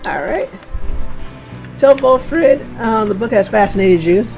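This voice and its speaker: A woman's voice: a little high, expressive, slow, creaky, darkish tone, soft background music. A woman live-streaming a game, reading its text aloud and chatting casually with her viewers. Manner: casual, talks to chat, many fillers.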